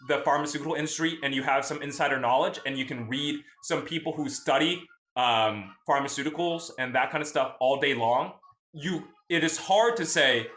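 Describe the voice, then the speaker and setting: Bright-voiced young man in an echoey room. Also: a little high. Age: young adult. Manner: chatty, explains and greets viewers from chat, often asks "right?". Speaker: host. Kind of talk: casual livestream finance talk.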